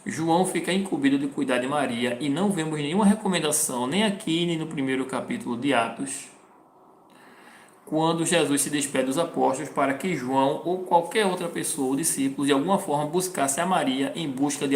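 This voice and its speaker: A man's voice: mid-range voice, a little fast, reverberant, a little hiss or hum. A man teaching from the Bible, reading verses aloud and then explaining them plainly. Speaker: preacher.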